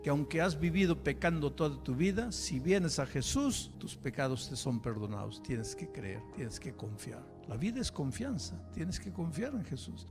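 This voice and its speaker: Emphatic preaching pastor, man. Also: fairly high pitch. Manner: builds from soft to loud, emphatic preaching. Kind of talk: sermon. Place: church hall. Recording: long church reverb.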